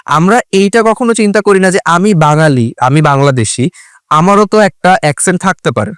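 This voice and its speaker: A man's voice: sits high, animated, moderate pace, a bit bright, no echo, studio quality. A man explaining English exam topics as a guest, switching between English and Bengali. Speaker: IELTS expert guest. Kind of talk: explanatory talk.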